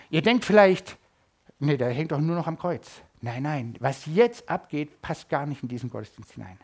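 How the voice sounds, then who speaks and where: Delivering a sermon during a church service, this middle-aged man from Germany moves back and forth between loud emphasis and quiet asides. His pitch is fairly high.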